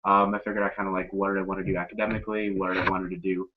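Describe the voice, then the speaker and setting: A man's voice: low-pitched, level tone, very fast, background noise. A young man, a student peer advisor, talking casually on a panel with many ums and likes. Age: young adult. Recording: dull lo-fi audio.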